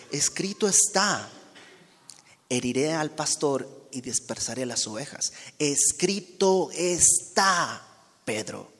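A man preaching a sermon, expressive, acting out quoted dialogue and dropping to soft, quiet tones. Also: mid-range voice. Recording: long hall reverb.

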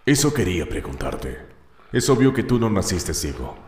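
Man voicing a stern detective, low voice, lively intonation, roomy echo, music under it. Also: normal speed, a little hiss or hum. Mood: probing. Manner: commanding, questioning. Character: stern male detective, sharp and probing. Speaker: police inspector.

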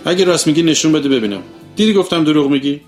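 A man voicing a scornful street boy who leads a gang, with a rough, hoarse, throaty voice. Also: fairly high pitch, lively intonation, soft background music, voice pushed up, natural voice.

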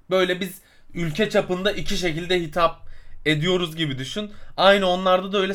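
A man's voice: high-pitched, fairly bright tone. A man co-hosting a travel podcast, telling a long story in a casual, rambling way with many fillers. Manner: storytelling, explains at length with fillers and searches for words. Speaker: podcast co-host. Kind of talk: casual chat.

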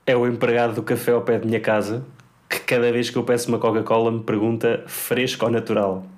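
A man's voice: mid-range voice, flat delivery, fast talker. A young man chatting casually as a podcast co-host, slangy and ranting in mock exasperation. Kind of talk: casual comedic chat.

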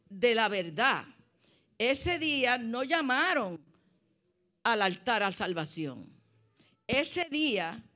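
A middle-aged woman with a Puerto Rican Spanish accent, sharing her personal faith testimony in an animated, storytelling way. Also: high-pitched. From Puerto Rico. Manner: animated storytelling with laughs and acted quotes. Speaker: church member sharing testimony.

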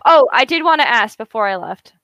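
A woman's voice: fairly high pitch, very animated, a little fast, a bit bright, dry recording, dull audio. Woman player, dry close sound. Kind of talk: tabletop role-play banter.

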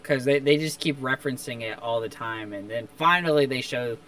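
A man's voice: mid-range voice, fairly quick, a bit bright, smooth. A young man co-hosting a movie review chat, talking enthusiastically with emphatic asides. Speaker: movie review podcast co-host. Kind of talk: casual chat.

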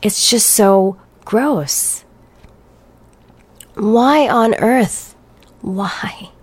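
Slow-talking blunt woman podcaster. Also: medium pitch, a little mellow, husky. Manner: blunt, profane, ranting; sarcastic. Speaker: podcast host. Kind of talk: solo podcast monologue.

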